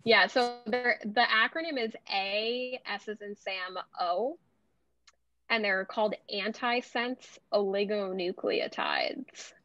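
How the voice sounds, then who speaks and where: A woman guest speaker patiently explaining genetics to patients on a video call, friendly and quick to laugh. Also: a little high, bright, forceful tone. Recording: dull, dry video-call audio.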